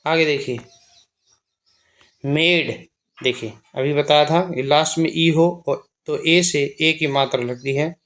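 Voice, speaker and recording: A man's voice: a little high, takes it slowly, a bit bright. A man teaching beginners to read English words in a Hindi accent, spelling each word letter by letter and repeating its meaning. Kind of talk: slow spelling and reading lesson.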